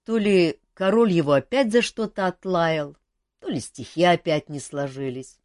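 A gruff, terse grown man, as a woman audiobook reader puts him on. He grumbles short, lowered lines. The sound is dry and close. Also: normal speed, a little mellow, no room sound, close to an everyday voice. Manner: grumbling, curt.

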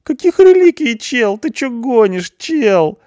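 A man's voice: extremely high pitch, sing-song, slow, darkish tone, no echo, studio quality, pitched above the performer's own voice, heavily acted. A man voicing a panicky eighteen-year-old punk boy behind bars, whining and pleading in slang. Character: panicky whiny teenage punk boy in jail.

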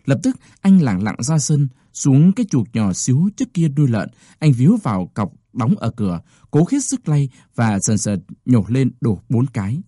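A man narrating a story from a script, with an expressive storytelling delivery. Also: mid-range voice, moderate pace, husky, no echo, clean studio sound.

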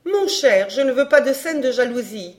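A woman voicing a proud, sharp countess. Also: high-pitched, lively intonation, normal speed. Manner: cool and teasing. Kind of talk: audiobook dialogue.

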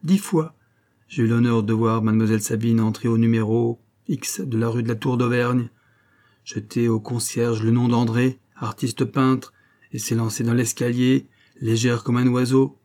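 A man's voice: medium pitch, little pitch movement, moderate pace, warm tone, close to an everyday voice. A man voicing a sly, mocking old male law clerk in an audiobook, with a sneering, ironic manner.

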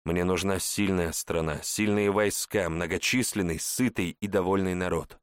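A man's voice: deep voice, moderate pace, clear, resonant tone, no room sound, clean studio sound, close to an everyday voice. A man voicing a commanding, hot-tempered warlord in an audiobook. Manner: commanding, shouting when angered. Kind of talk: audiobook character voice.

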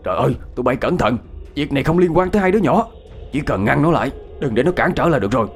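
A man's voice: mid-range voice, expressive, quick pace, soft background music, close to an everyday voice. A man voicing an older village man in his sixties or more, crying out in alarm at a crowd. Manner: crying out loud.

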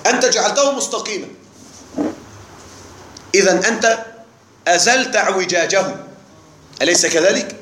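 High-voiced man teaching in an echoey classroom. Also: expressive, moderate pace, pauses often, a bit bright, slight background noise. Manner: explains patiently, repeats key words and checks the class. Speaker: Arabic grammar teacher. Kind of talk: classroom lesson. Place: classroom with live students.

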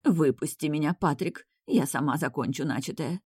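Casual: lady reading as a screechy crazed queen, scornful and shrill, tight dry sound. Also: normal speed, a little mellow, breathy edge, no room sound. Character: hysterical deposed queen, middle-aged mother, cruel and unhinged. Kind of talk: audiobook character voice.

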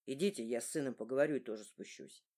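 A woman voicing a weary, injured young father who speaks low and hushed. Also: fast talker. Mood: tired.

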